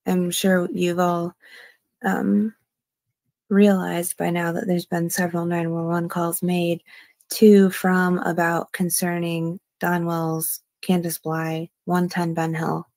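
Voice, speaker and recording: A woman's voice: on the low side, level tone, slow pace, darkish tone, dry recording. A woman commenting on a true crime case, reading out a call and hedging her views with "in my opinion.". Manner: hedging, often adds "in my opinion".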